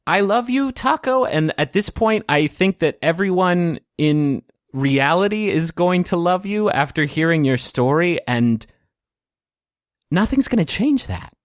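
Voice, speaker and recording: A man voicing a gentle, smitten male reaper who talks in halting restarts. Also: mid-range voice, dry recording, clean studio sound, natural voice. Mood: tender.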